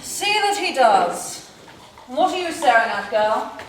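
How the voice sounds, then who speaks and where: A woman's voice: high voice, big pitch swings, slow, heavily acted. A woman playing a vain, imperious king in comic stage style, haughty, pompous and demanding. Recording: echoey, distant, noisy stage recording.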